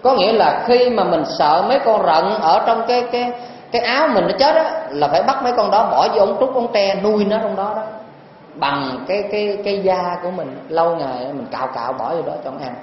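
Man, Southern Vietnamese accent, Buddhist monk, teasing question-and-answer sermon, high voice, long hall reverb, faint noise. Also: lively intonation, a little fast. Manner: folksy, teasing, asks the audience questions. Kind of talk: dharma talk to lay audience. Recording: very echoey hall, dull lo-fi sound, faint noise.

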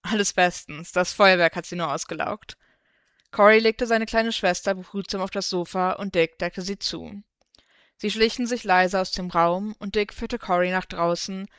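A woman reading a fan story aloud in steady, even narration, close to the microphone. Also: mid-range voice, dry recording. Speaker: fanfiction reader.

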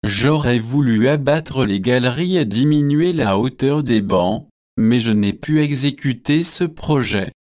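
A man's voice: mid-range voice, measured pace, a little mellow, lightly acted. A man reading as a pompous young curate. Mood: earnest. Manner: grave, self-satisfied delivery.

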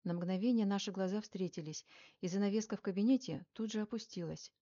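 Woman narrator, audiobook, measured storytelling, mellow voice, lo-fi audio. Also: mid-range voice. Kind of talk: scripted first-person narration.

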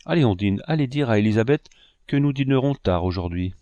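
A man reading aloud, voicing a calm, measured older painter who speaks like a father to his students. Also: medium pitch, no room sound, lo-fi sound, natural voice. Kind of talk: audiobook reading.

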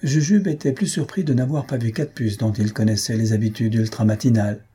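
A man narrating an audiobook in a measured, even storytelling manner. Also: mid-range voice, slightly rough. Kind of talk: audiobook reading.

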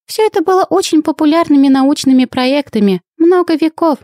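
A woman's voice: high voice, brisk, a little mellow, no room sound, clean studio sound, lightly acted. A woman voicing an ancient female alien soul trapped in a guinea pig, telling her tale with sighs of world-weariness. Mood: wistful. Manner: sighing, world-weary storyteller. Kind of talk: audiobook character voice.

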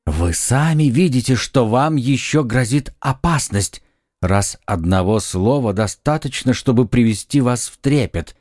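A man's voice: medium pitch, animated, measured pace, a little mellow, no echo, studio quality. A man voicing an ardent young nobleman in an audiobook, earnest and insistent. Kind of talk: audiobook acting.

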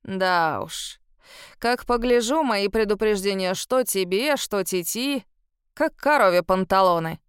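A woman doing a croaky, bossy old great-grandmother. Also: mid-range voice, expressive, no echo, studio quality, close to an everyday voice. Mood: scolding. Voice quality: gruff, goblin-like croak. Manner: scolding, cackling, drawn-out words. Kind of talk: audiobook reading.

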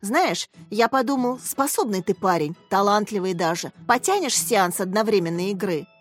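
A woman voicing a kindly elderly male chess professor who speaks gently and encouragingly. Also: medium pitch, animated, moderate pace, soft background music, close to an everyday voice. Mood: gentle.

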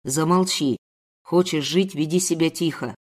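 Low, gruff, sneering male kidnapper, read by a woman. Cold and contemptuous throughout. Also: a little slow.

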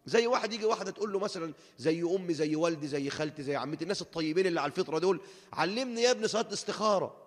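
An Egyptian preacher rattles along at high speed with a somewhat high voice. He acts out each speaker in his stories and keeps asking the congregation questions. The long reverb of a mosque hall trails after his words. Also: rapid-fire. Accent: Egyptian Arabic. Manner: lively storytelling, asks the congregation questions. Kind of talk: mosque lesson.

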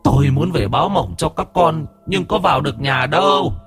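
A wailing old ghost, breathy and high. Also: male voice, expressive, normal speed, a bit bright, faint music behind, heavily acted. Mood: pained wailing. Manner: wailing, moaning in pain. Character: tormented ghost of an old man in pain.

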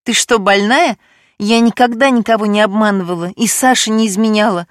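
A woman voicing a tearful, desperate young fiancée who pleads in a high, crying voice in an audiobook. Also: steady tone, brisk, no room sound, clean studio sound, lightly acted. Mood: pleading.

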